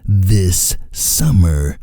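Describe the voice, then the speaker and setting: A man putting on the voice of a grumbly male movie trailer announcer, drawing each phrase out slowly and dramatically. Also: sits low, very animated, dark tone, no room sound, studio quality, pitched above the performer's own voice, full character voice. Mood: dramatic. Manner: slow, drawn-out dramatic delivery.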